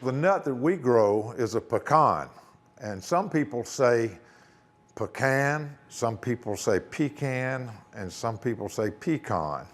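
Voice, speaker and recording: A man's voice: mid-range voice, animated, unhurried. A married man who farms pecans, explaining in an interview with a dry, joking touch. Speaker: pecan farmer. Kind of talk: interview sound bite.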